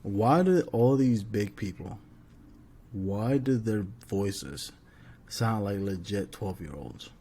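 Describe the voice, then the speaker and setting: A man's voice: lowish voice, animated, takes it slowly, warm tone, a little hiss or hum. A man co-hosting a podcast in casual chat, with laid-back slangy banter and frequent laughter. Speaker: podcast co-host.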